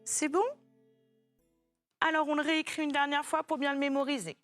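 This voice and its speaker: A woman's voice: high-pitched, level tone, normal speed, fairly bright tone, no echo, faint music behind. A woman teaching a child French spelling, patiently spelling words out letter by letter.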